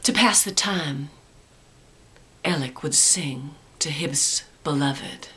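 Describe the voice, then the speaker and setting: A woman guide narrating a ghost story in a theatrical, deliberate way that drops into a spooky hush. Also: sits low, slight background noise.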